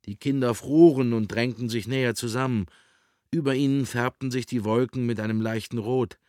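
A man calmly narrating a story as an audiobook, recorded close to the microphone. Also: medium pitch, normal speed, dry recording.

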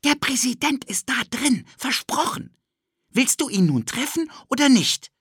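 Cheeky wild young boy, high and bouncy, pushy and excited. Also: unhurried, breathy edge, no echo, studio quality, heavily acted. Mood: coaxing. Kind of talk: audiobook character voice.

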